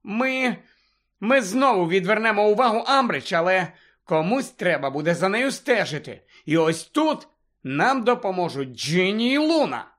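Brief: a man voicing a worried clever teen girl, pleading, lively rising pitch. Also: moderate pace. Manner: hissing, pleading. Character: anxious, insistent teenage girl, pleading.

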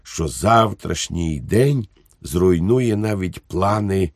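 A man narrating an audiobook in an expressive storytelling manner, recorded close to the mic. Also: sits low, slow pace, dry recording. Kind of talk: scripted narration.

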